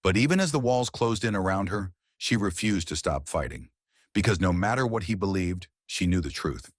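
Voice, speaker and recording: A man narrating a romance story in a measured, dramatic storytelling manner. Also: low-pitched, animated, dry recording, studio quality.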